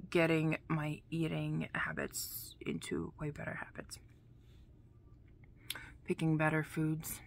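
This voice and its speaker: A woman's voice: fairly low pitch, fairly bright tone. A woman crochet vlogger chatting casually to her camera at home, rambling and sometimes dropping to a whisper. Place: home room, dim.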